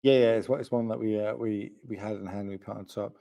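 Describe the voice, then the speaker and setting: A man's voice: fairly low pitch, fairly even intonation, gravelly, warm tone. A young man commentating a live card game tournament late at night, joking and chatty, sounding tired. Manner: chatty, joking, quick asides.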